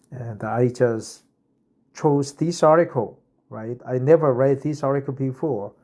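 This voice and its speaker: This medium-pitched, slightly mellow voice belongs to a South Korean man in his fifties who speaks English as a non-native with a Korean accent. He reads an article out loud for English practice, explaining along the way with lots of "uh" fillers and "right?" at the ends of phrases.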